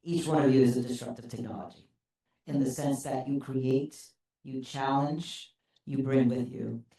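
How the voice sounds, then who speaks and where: Man from El Salvador, earnest and deliberate, mellow tone, echoey hall. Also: mid-range voice, fairly even intonation, vocal fry. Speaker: panelist. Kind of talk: panel introduction. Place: conference hall.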